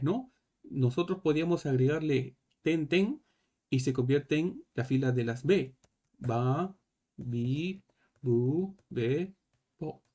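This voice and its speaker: Slow, patient male Japanese teacher. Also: fairly high pitch, dark tone. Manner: slow, repetitive, checking in with "¿no?" and "¿sí?". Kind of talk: classroom lesson.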